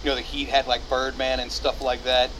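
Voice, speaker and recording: A man's voice: medium pitch, level tone, brisk, a bit bright, rough recording. A man hosting a sports podcast with casual, slangy banter. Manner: slangy, says dude and man. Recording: faint background noise.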